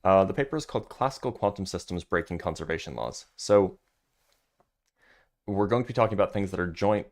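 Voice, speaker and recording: On a livestream, a deep-voiced man reads a physics paper aloud, talking a little fast. Between passages he chats loosely with viewers, answering the chat and using plenty of fillers.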